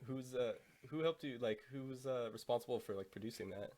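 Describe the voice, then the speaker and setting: A man's voice: medium pitch, fairly quick, darkish tone. A man interviewing a band, enthusiastic and casually profane.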